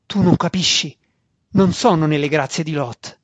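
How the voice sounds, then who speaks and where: A man's voice: a little high, moderate pace, husky, no echo. The restless spirit of a fallen priestess, as a male narrator puts her on, crying out urgently. The sound is dry and a little dull. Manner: shouting, urgent.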